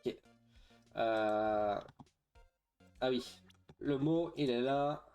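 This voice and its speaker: A man's voice: mid-range voice, steady tone, a little slow, dark tone, muffled recording, soft background music. A man playing a video game, reading its dialogue aloud with hesitant asides and frequent fillers. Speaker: let's play streamer.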